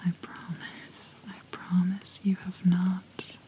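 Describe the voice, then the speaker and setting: Woman giving a slow, whispered pep talk. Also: on the low side, monotone. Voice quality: soft unvoiced whisper. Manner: slow, gentle, reassuring, with pauses mid-sentence. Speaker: ASMR host. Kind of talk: ASMR whispered pep talk, comforting affirmations. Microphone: close-up microphone.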